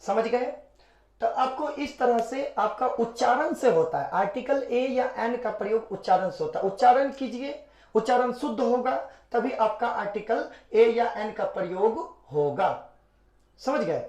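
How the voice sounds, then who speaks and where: A woman teacher giving a grammar lesson, repeating words slowly and often checking whether students understood. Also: fairly high pitch, expressive, darkish tone. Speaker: English teacher. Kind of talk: classroom-style grammar lesson. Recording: echoey room.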